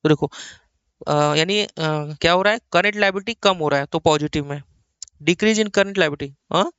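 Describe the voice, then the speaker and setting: A man's voice: on the high side, normal speed, a bit bright, clear, resonant tone, no room sound, lo-fi sound. A man from India teaching accounting in a classroom-style lecture, coaxing and repeating points for his students.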